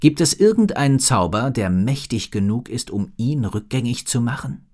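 A man's voice: mid-range voice, expressive, normal speed, darkish tone, close to an everyday voice. A man reading a storybook and voicing an eager, earnest young male dragon master.

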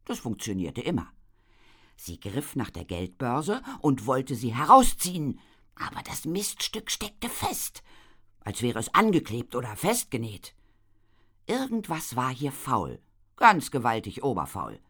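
A man reading a children's adventure novel aloud as an expressive audiobook narrator. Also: mid-range voice, a little slow, husky. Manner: lively storytelling, voices for characters.

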